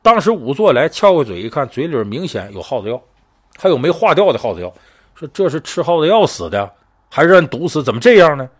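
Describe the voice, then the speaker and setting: Male storyteller, husky, animated delivery, slips into character voices. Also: on the high side, quick pace. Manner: lively, conversational, acts out voices in the story. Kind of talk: casual spoken storytelling of a true crime case.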